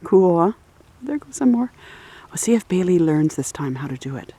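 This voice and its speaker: A woman filming her dogs on a lakeside dock and chatting casually behind the camera, often dropping to a whisper and voicing the dogs in a high squeak. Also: big pitch swings, normal speed, dark tone, husky. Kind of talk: casual home video narration.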